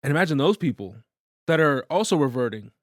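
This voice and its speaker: A man's voice: fairly high pitch, very animated, fairly quick, no room sound. Laid-back man saying "dude", dry sound. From Massachusetts, USA. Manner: casual, says "dude" often, jumps in with interjections. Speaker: podcast co-host. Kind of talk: casual chat.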